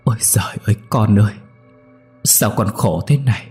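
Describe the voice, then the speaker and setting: A man's voice: lowish voice, fast talker, a little mellow, husky, faint music behind. Man doing a wailing grief-stricken mother. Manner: wailing, pleading. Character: grieving distraught middle-aged mother.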